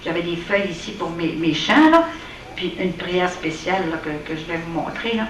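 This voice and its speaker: With a Quebec French accent, a woman gives an earnest, plain-spoken personal testimony to an audience at an evening prayer gathering in a hall. Her voice sits on the low side and sounds fairly bright, with lively intonation and a moderate pace. The room echoes, she sounds far from the mic, and there's a faint hiss.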